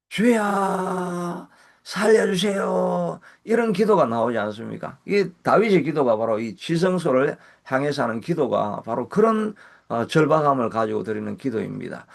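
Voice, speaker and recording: Gravelly Gyeongsang pastor preaching. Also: male voice, mid-range voice. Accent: Gyeongsang Korean. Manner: earnest, slows and rises when voicing prayers. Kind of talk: sermon. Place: church service.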